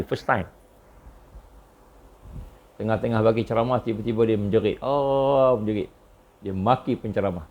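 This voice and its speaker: With a Malaysian Malay accent, a man gives a religious lecture full of stories and heavy repetition, his voice jumping high on key points. The audio is dull.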